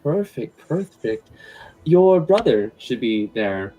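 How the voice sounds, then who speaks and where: A man voicing a huntress mother goddess with a gentle, familiar, encouraging manner in a tabletop game. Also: mid-range voice, sing-song, slow pace, dull audio. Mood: fond. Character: affectionate huntress goddess, mother to her cub.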